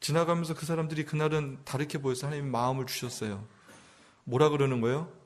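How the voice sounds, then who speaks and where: A man's voice: a little high, steady tone, quick pace. A man preaching a sermon as a pastor, talking to his congregation in a conversational way, asking them questions and building up to emphatic passages. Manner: rises to emphatic, louder passages.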